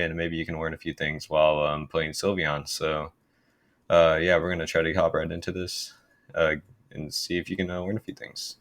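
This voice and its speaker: Very deep-voiced young man commenting on gameplay. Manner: laid-back, many filler words. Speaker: gaming YouTuber.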